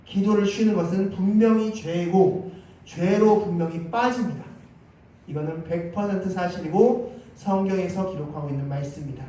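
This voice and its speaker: A man's voice: sits high, warm tone. A man preaching a Sunday sermon as pastor, emphatic, his voice rising when he voices scripture. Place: church sanctuary. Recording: very echoey church hall, mic at a distance.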